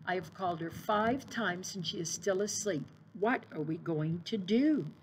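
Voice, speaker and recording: A woman voicing a gentle, worried mother in a storybook read-aloud. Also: fairly low pitch, measured pace, background noise, natural voice. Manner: nice, then anxious.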